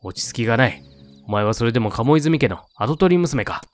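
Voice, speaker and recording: A man's voice: mid-range voice, animated, brisk, faint music behind, natural voice. A man voicing a stern, harsh old-fashioned father in a spoken horror game, with curt, scolding speech.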